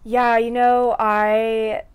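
A woman's voice: fairly high pitch, little pitch movement, drawn-out words, clean tone. A woman in her twenties chatting casually as she reviews a film with friends on a living room couch. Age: 20s.

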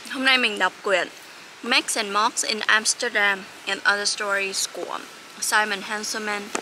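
A woman's voice: medium pitch, steady tone, a little slow, background noise. A young woman from Vietnam chatting casually in a student vlog, with lots of fillers and frequent laughs. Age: young adult. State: sleepy. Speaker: vlogger, master's student.

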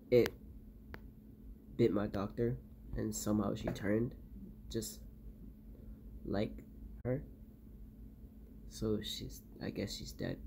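A young man playing a guilt-ridden doctor in an amateur found-footage diary, talking in a halting, subdued, weary way. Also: fairly low pitch, vocal fry, dark tone, heavily acted. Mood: weary, guilty. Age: young adult. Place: small bedroom, indoors. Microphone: phone at arm's length. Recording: noisy phone recording with clicks.

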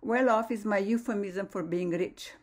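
A woman from Slovenia delivers a prepared science lecture in a measured, formal manner. Her phrasing is slightly non-native, and her voice sits at a middle pitch. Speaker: lecturer, astrophysicist.

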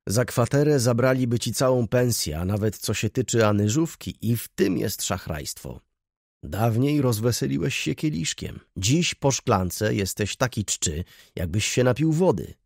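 A man's voice: medium pitch, expressive, measured pace, creaky, darkish tone, no echo, studio quality. A man reading a gloomy old clerk in an audiobook, grumbling and complaining.

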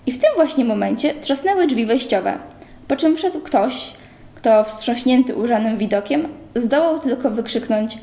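A woman reading a novel aloud at a steady pace in a library. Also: a little high, normal speed. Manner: steady literary narration. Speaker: reader. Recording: roomy echo.

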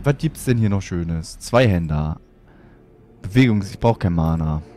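A man's voice: sits low, lively intonation, a little slow, mellow. A playful trash-talking gamer guy. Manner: playful boastful trash talk. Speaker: let's player. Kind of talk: gameplay commentary.

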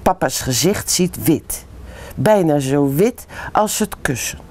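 Slow, lively bedtime storyteller woman. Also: a little hiss or hum. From Netherlands. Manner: slow, expressive reading with lively pitch.

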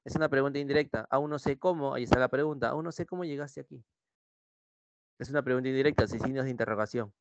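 A young man teaching a pre-university language course lectures an online class in a fast, mid-range voice with a Peruvian Spanish accent. The recording has no room sound, and he's repetitive, constantly checking in with his students by asking "¿sí?".

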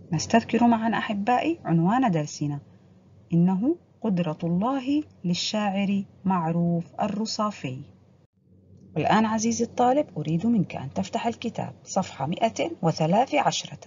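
A woman teacher giving a recorded reading lesson to young pupils, stretching words out slowly for them to repeat and praising them often. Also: mid-range voice, darkish tone, slight background noise. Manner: slow drawn-out word drills. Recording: dull lo-fi audio.

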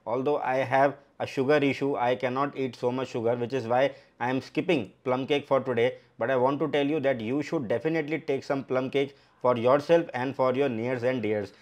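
A man's voice: mid-range voice, steady tone, a little fast, few pauses, a little mellow. A young man, narrating a food vlog with upbeat enthusiasm, filming himself at a bakery and out on the street. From India. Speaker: food vlogger.

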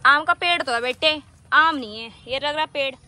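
A woman's voice: high-pitched, normal speed, sharp tone. A young woman vlogging casually at home, chatting and scolding her children as she films around the house and yard. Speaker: vlogger and mother. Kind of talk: casual home vlog chat. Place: home and yard, outdoors and indoors. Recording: noisy phone recording.

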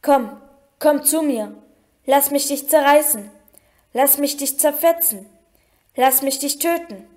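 A woman voicing an icy, hateful, bodiless voice that promises violence, speaking slowly and menacingly. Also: high voice, a little mellow. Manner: slow, menacing.

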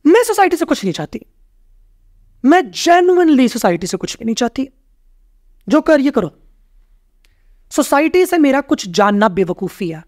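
A woman's voice: sits high, sing-song, moderate pace, pauses often, darkish tone, no room sound, studio quality. A woman, a guest on a podcast, speaking emphatically in conversation and driving her points home with rhetorical questions and repeated phrases. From Pakistan. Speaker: podcast guest, rights activist. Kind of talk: conversational interview.

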